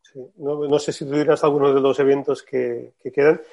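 A man's voice: mid-range voice, flat delivery, a little fast, gravelly, a little mellow. A man hosting a sailing podcast, asking questions and thanking his guest. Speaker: podcast host. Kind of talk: interview hosting.

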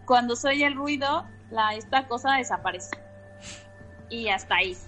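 A woman recounts a personal experience in a rambling way, repeating herself and leaning on fillers. Her voice sits a little high and sounds bright and forward. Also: normal speed, soft background music. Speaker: interviewee. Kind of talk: telling a personal story.

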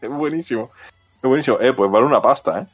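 A man hosting a casual chat in an excitable, slangy, repetitive way. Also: mid-range voice, fast, slightly rough, muffled recording, soft background music. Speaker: podcast host.

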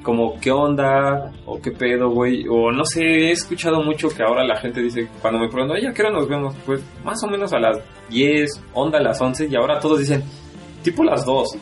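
A man's voice: medium pitch, normal speed, soft background music. A young man with a Mexico City accent, chatting casually and at length as a podcast host, laughing often. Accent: Mexico City Spanish. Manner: relaxed, rambling, laughs often. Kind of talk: casual chat.

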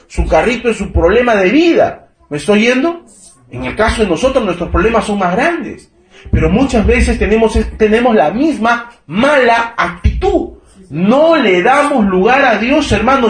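A man in his thirties delivers an emphatic sermon in a fairly high voice. He keeps calling his listeners brother and checking that they follow him. The sound is roomy and echoing, as in a church. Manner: emphatic preaching. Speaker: preacher. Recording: echoey room.

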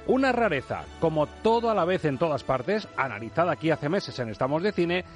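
A male radio host from the Spanish airwaves, with an accent from Spain and a fairly high voice. He announces like a ringmaster, grand and showy, in polished scripted phrases over a light music bed. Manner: ringmaster-like grand announcing, addressing ladies and gentlemen. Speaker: radio film show host.

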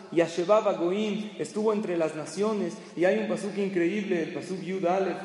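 A man's voice: high-pitched, a little mellow. A man giving an impassioned sermon in Spanish, full of rhetorical questions. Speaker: rabbi. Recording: echoey hall.

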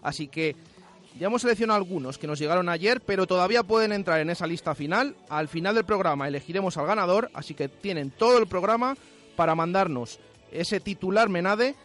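Spanish guy on sports radio, voice a bit high, repeats stuff for emphasis, music underneath. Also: animated, a little fast, fairly bright tone. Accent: Spain. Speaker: co-host of a local sports radio show. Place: radio studio. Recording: music bed behind.

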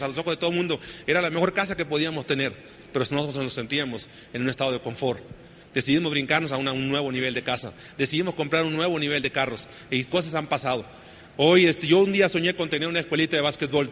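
Bright-voiced Mexican man in an echoey hall. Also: on the high side. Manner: storytelling, acts out family dialogue, many restarts. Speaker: motivational speaker. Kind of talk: motivational talk with personal stories. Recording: echoey hall with faint noise.

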